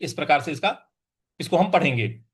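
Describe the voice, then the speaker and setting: A man teaching a scripture verse, patiently breaking down its pronunciation syllable by syllable and chanting the lines slowly. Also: on the high side, animated, husky. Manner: chants verses in a drawn-out, sung tone. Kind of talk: slow recitation lesson.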